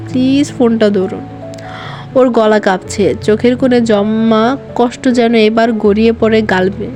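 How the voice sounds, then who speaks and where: A woman narrating a romantic novel slowly and with emotion as a storyteller. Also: fairly high pitch, darkish tone. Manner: slow, emotional reading.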